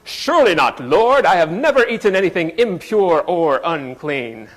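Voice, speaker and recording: A man's voice: high-pitched, animated, normal speed, voice pushed up. A man voicing the apostle Peter in an old-fashioned Elizabethan manner, protesting with raised emphasis.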